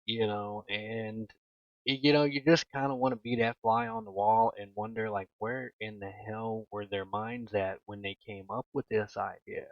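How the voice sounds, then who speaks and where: A man's voice: lowish voice, steady tone, moderate pace, no echo, highs cut off. A man giving casual gameplay commentary as a gaming YouTuber, ranting in an exasperated tone and repeating his points for emphasis.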